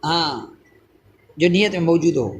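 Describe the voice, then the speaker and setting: A man's voice: a little high, a little hiss or hum. A male teacher giving a grammar lecture in a classroom, repeating each phrase and checking that his students follow. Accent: Pakistani Urdu.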